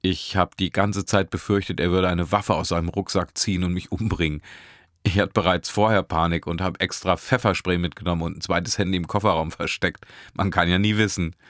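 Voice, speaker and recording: A man's voice: deep voice, fairly even intonation, a little fast, a bit bright, no room sound, clean studio sound. A man voicing a talkative young woman driver who teases her passengers and laughs a lot, in an audiobook. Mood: teasing. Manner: talkative, teasing, laughing often. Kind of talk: audiobook character voice.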